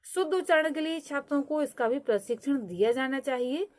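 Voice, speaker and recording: A woman's voice: high voice, fairly quick, darkish tone. Hindi-speaking woman teacher lecturing. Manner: explains point by point, mixing English terms.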